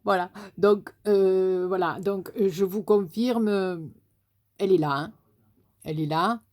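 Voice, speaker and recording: A woman's voice: medium pitch, measured pace, a little mellow. A woman with a Marseille accent chatting casually as she opens a parcel on her vlog, gushing and swearing with delight. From Marseille, France. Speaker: crafting YouTuber.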